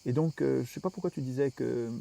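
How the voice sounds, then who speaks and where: A man's voice: medium pitch, fairly quick, gravelly, dark tone. A French man, interviewed, explaining his political views at length with emphatic reasoning and frequent restarts.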